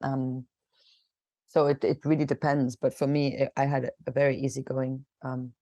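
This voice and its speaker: Woman guest in her forties from Kenya, mellow low voice, loose chatty delivery with restarts. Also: flat delivery, normal speed, no room sound, clean studio sound. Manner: chatty, laughs often, many fillers and restarts. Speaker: guest artist. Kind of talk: casual interview.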